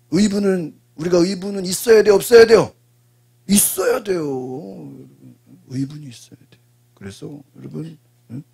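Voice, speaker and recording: A pastor delivers a sermon in a raspy, gravelly voice that sits a little high for a man. He keeps asking his listeners short questions and then supplies the answers himself. His delivery comes in punchy bursts, with frequent little prompting asides. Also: darkish tone. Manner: call-and-response preaching, frequent prompting asides.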